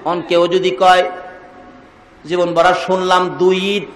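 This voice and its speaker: Preacher guy, sing-song waz sermon, high voice, big echoey hall sound. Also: monotone, measured pace, crowd noise. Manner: sing-song, swinging between loud calls and hushed lines. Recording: echoey hall over loudspeakers.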